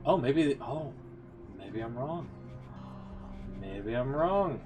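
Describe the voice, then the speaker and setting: Slow yet animated, this medium-pitched male streamer comments casually on his game while music plays behind him. He muses aloud informally and mutters little asides.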